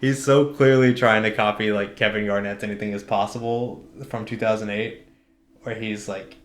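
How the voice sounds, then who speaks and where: Low-voiced young man rambling in casual talk. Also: fairly even intonation, normal speed, a little hiss or hum. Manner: rambling, many "like" fillers, laughs often. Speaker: podcast co-host. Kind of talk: casual sports chat. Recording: echoey room.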